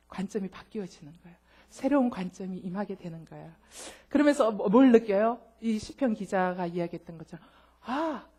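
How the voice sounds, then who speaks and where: A woman pastor preaching a sermon in an animated way, acting out quoted voices and often laughing. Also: a little high.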